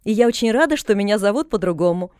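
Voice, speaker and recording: A woman voicing a cheerful, chatty young girl who talks in a bright, excited, gushing way in an audiobook. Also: medium pitch, quick pace, clean tone, no room sound, studio quality, pitched above the performer's own voice, close to an everyday voice. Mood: eager. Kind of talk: audiobook character reading.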